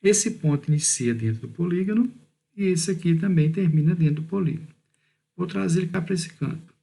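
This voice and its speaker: His voice is high-pitched, gravelly and dark-toned as this man, who has a Brazilian Portuguese accent, teaches a recorded math lesson. He explains step by step, slowly drawing out key words and checking in with "beleza?".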